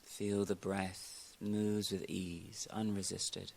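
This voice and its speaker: Leading a guided meditation like a yoga teacher, a deep-voiced man with a noticeable creak offers gentle, calm directions. He takes his time, letting long pauses fall between phrases.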